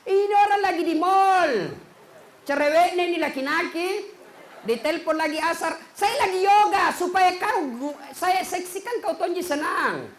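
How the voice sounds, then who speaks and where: A man's voice: moderate pace, fairly bright tone, roomy sound, a little hiss or hum. A man voicing a nagging, scolding wife. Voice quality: shrill and scolding.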